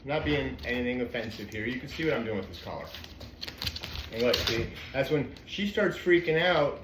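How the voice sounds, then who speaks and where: A man working as a dog trainer, calmly explaining a training session to viewers between soft coaxing praise for the dog. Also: mid-range voice, normal speed, echoey room, background noise. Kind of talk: narrating a training session to camera. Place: indoor room with a dog.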